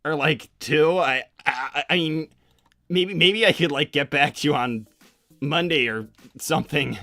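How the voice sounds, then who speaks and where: A man's voice: fairly high pitch, measured pace, vocal fry, pushed and bright, no room sound, soft background music, exaggerated voice. A man voicing a laid-back, unsure young cartoon hedgehog hero, chatting casually in character with a hesitant slacker drawl. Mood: flattered, hesitant. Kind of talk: improvised in-character livestream chat.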